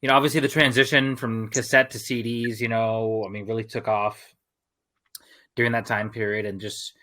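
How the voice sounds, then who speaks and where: A man's voice: lowish voice, normal speed. A man co-hosting a podcast, chatting casually in a rambling way full of fillers. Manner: animated, rambling with many fillers. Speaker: podcast co-host. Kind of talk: casual chat.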